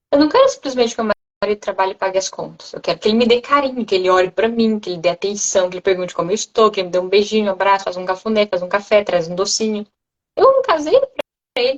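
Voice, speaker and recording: A woman's voice: medium pitch, low-quality recording. A woman with a Brazilian Portuguese accent, explaining parenting ideas in conversation and acting out children's voices as she goes. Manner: animated, acts out children's voices. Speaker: guest speaker on parenting.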